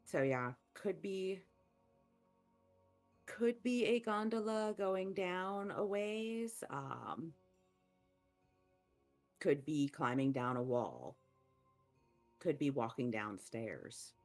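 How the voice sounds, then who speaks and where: A woman's voice: deep voice, sing-song, very slow, long pauses, soft background music. A woman playing a tabletop game, thinking aloud in casual chat and trailing off mid-thought. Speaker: player.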